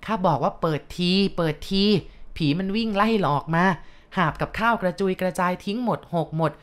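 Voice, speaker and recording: A woman's voice: lowish voice, moderate pace, close to an everyday voice. A woman voicing an old grandmother food seller who speaks bluntly and in a hurry, in a told ghost story. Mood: brusque.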